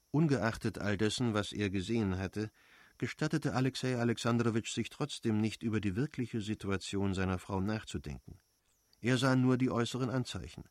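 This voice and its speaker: Male audiobook narrator, low voice, dry close recording, steady literary delivery. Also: no echo.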